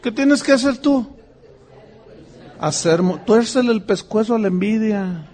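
A man's voice: high-pitched, measured pace. A middle-aged man with a Mexican Spanish accent, preaching a sermon and telling stories with acted-out voices. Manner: animated storytelling, acts out voices. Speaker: pastor.

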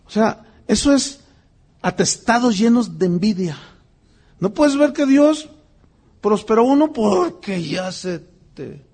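Animated high-voiced Mexican preacher man. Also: slow, pauses often. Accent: Mexican Spanish. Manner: animated storytelling, acts out voices. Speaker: pastor. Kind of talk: sermon.

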